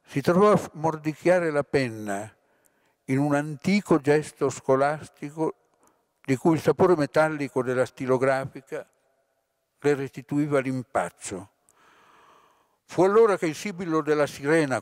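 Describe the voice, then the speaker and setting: A male lecturer reads a novel passage aloud in a measured, expressive way. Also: medium pitch, no room sound. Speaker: literature lecturer. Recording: dry close recording.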